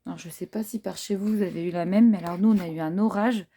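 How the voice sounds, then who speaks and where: A woman's voice: lowish voice, fast, warm tone. A woman chatting casually to viewers while showing craft papers, with many fillers and admiring asides. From France. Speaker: craft haul vlogger. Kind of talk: casual show-and-tell chat.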